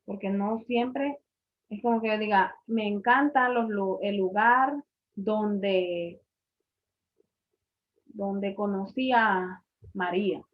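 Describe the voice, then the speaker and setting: A woman's voice: medium pitch, slow, pauses often. A woman teaching an English grammar class, patiently explaining and repeating each point in a classroom. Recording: muffled lo-fi recording.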